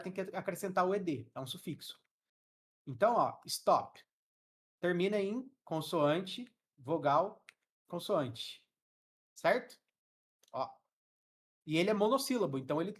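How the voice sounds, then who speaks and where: Brazilian woman, online English teacher on a headset, slightly low husky voice, patient step-by-step explaining. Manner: explains grammar rules step by step, checking in with students. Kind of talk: live online class.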